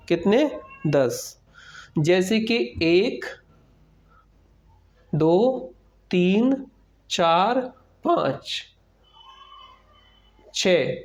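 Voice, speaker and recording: A man's voice: sits high, a little mellow. A male teacher giving a children's alphabet lesson, asking a question and answering it himself, repeating each sound. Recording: dull lo-fi recording.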